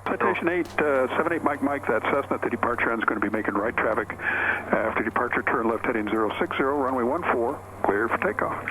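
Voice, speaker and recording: A male air traffic controller heard over a cockpit radio transmission, rattling off instructions at a brisk clip. His voice sounds bright and pointed, with clipped, routine phrasing and a faint hiss behind it. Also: medium pitch, animated, low-quality recording. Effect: radio transmission from the control tower.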